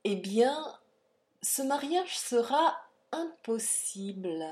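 A woman's voice: fairly high pitch, animated, extremely slow, a little mellow, voice pushed up. Woman reading icy polite count, ironic and cruel, audiobook. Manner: smooth mocking politeness.

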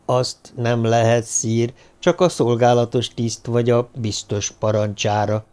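A man voicing a cautious military lieutenant who speaks slowly in an audiobook. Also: medium pitch, steady tone, darkish tone, clear, resonant tone, close to an everyday voice. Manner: cautious, slow. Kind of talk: audiobook narration.

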